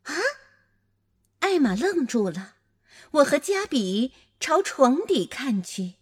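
Playful woman storyteller for a children's story, high and lively, unhurried. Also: breathy edge. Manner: animated, playful.

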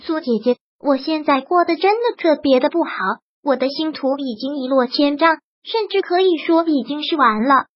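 A woman's voice: high-pitched, moderate pace, hardly any pauses, no echo, dull audio, close to an everyday voice. A woman voicing a lonely, downcast young actress who talks in an earnest, pleading way, in a storybook reading. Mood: tearful.

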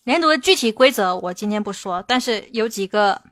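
A woman English teacher answering viewers' questions in a livestream, explaining slowly and stressing her English examples. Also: mid-range voice, lively intonation, a bit bright, no echo. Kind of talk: livestream Q&A lesson.

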